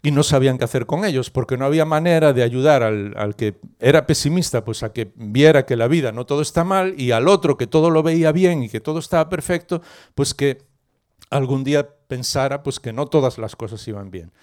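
A middle-aged man, preaching a sermon. He tells a story in a lively way and asks the listeners questions. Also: mid-range voice, fairly quick.

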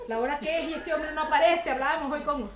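Woman preacher, high voice, chatty and funny with her church ladies, roomy echo. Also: fast talker, crowd noise. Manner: chatty, humorous, asks the audience rhetorical questions. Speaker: women's ministry speaker. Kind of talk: conversational sermon to a women's group. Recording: echoey room with faint ambience.

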